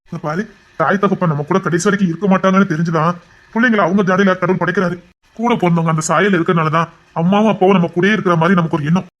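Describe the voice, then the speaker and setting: A soft-hearted older brother, played by a man with a Tirunelveli Tamil accent. He talks quickly and soothingly, his voice catching with feeling. This is a family TV serial scene. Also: high voice, fairly even intonation, lo-fi sound, natural voice. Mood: consoling. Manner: gentle, consoling, choked with emotion. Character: tender older brother, a police officer. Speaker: actor in a TV serial. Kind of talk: TV serial acting.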